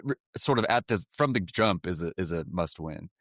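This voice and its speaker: A man co-hosting a casual podcast, with a wry, deadpan sense of humor. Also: sits low, normal speed, no echo, studio quality. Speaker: podcast co-host.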